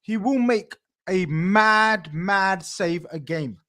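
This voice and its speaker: A high-pitched man trades heated football banter. He leans on street slang and says his points again and again to press them. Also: takes it slowly, sharp tone. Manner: repeats phrases insistently.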